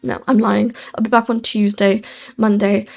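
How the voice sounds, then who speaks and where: A woman's voice: medium pitch, little pitch movement, normal speed, gravelly, a little mellow, soft background music. A young adult British woman giving casual, chatty, rambling voice-over commentary as a channel host, often correcting herself, with a whistle on her S sounds. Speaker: host of a gaming build channel.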